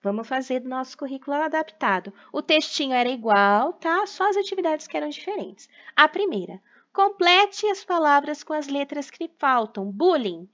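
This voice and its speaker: A woman's voice: high voice, expressive, normal speed, a bit bright, muffled recording. A woman teacher recording a lesson for children, explaining patiently and checking in with frequent tag questions.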